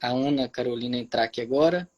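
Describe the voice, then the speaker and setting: A man's voice: mid-range voice, quick pace, darkish tone, dull audio. A man, a pastor, hosting a live stream, speaking hesitantly with frequent fillers.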